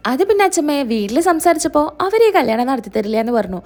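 A woman's voice: high voice, sing-song, fast talker, darkish tone. A woman voicing a young bride who defends herself as she explains. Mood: defensive.

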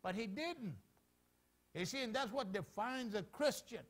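High-voiced animated bilingual pastor. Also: male voice, slow. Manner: animated, repeats each point in both languages, calls the congregation "hermano". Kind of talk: bilingual sermon, switching between English and Spanish. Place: church.

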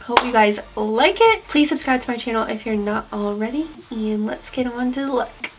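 Recorded roughly in a small indoor room with a glitter backdrop, a young beauty vlogger describes her makeup routine one step at a time. She sounds chatty and upbeat despite a cold that leaves her voice stuffy and nasal. Her pitch is a little high and her pace moderate.

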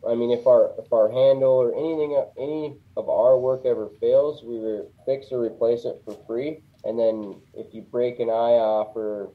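A man speaks in a relaxed, plainspoken way, filling his talk with "you know". His voice comes through a thin, tinny, phone-like line from a remote call. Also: medium pitch, moderate pace, hardly any pauses. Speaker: guest, custom fishing rod builder. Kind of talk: casual interview.

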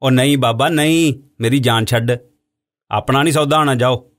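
A man's voice: mid-range voice, moderate pace, a bit bright, close to an everyday voice. A man voicing a stubborn old buffalo seller. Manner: prickly, stubborn. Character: shrewd, hot-tempered old male buffalo seller.

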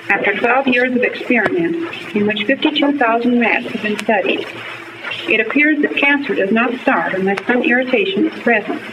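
Young woman, student, careful formal elocution, old gramophone disc, muffled tone, heavy surface hiss. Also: fairly high pitch. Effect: played from an old 1939 gramophone disc. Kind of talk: formal reading aloud for a class. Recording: noisy, muffled old disc recording from far off.

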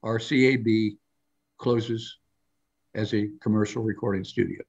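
A man's voice: lowish voice, steady tone, a little slow, a little mellow, breathy edge, dull audio. An older man telling long, rambling stories as a guest on a live talk show, often restarting phrases and raising his voice to act out quoted lines. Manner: rambling anecdotal storytelling with many restarts; acts out quoted lines in a raised voice. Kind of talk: casual live interview chat.

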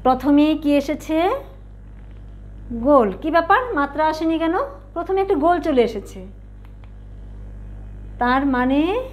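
In this children's alphabet lesson, a high-voiced woman with a Bangladeshi Bengali accent teaches little ones to write and pronounce letters. She encourages them through questions and long, drawn-out filler sounds.

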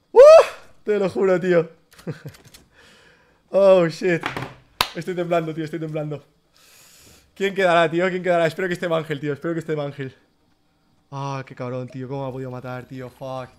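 A young man from Spain with a Spanish accent, live-streaming himself playing a game, excitable, swearing often and dropping English phrases into his commentary. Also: fairly high pitch. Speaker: gaming streamer.

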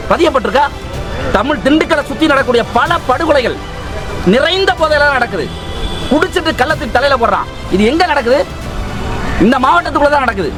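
A man's voice: very high-pitched, expressive, a little fast, pauses often, over music, poor audio. A man giving an impassioned protest statement, indignant and emphatic, firing rhetorical questions. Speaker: protest spokesman.

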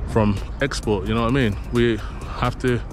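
A man rambles through a casual walk-and-talk vlog outdoors on a city street, filling his talk with ums and side remarks. His voice sits at an ordinary pitch for a man, and loud music plays behind him. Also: moderate pace. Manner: rambling, chatty, many fillers. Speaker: vlogger.

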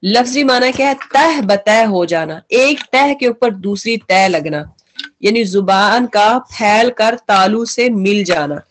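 A woman teaching a tajweed lesson, who explains each term slowly, mixes in English phrases and repeats letter sounds for practice. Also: medium pitch, expressive. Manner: slow, explains terms and drills letter sounds. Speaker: Quran recitation teacher.

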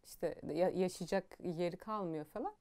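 A woman's voice: lowish voice, normal speed, darkish tone. A young woman giving a casual, frank and opinionated book review, talking animatedly with lots of fillers.

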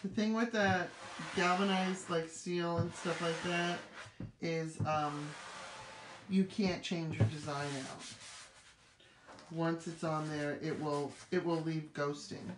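Speaking slowly in a low, steady voice, a middle-aged woman runs a live craft demo from a craft room table, keeping up upbeat chatter as she works. The room sounds echoey, and background noise comes through clearly.

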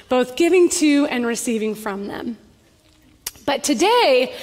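A woman pastor preaching a sermon to her congregation and telling a story in a lively way. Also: sits high. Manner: storytelling, animated. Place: large church hall. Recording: long reverb of a church hall.

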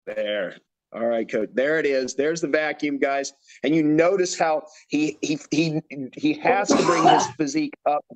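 A man's voice: on the high side, normal speed. A man coaching a bodybuilder through posing routines, giving directions and repeating his cues. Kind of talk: instructional demonstration.

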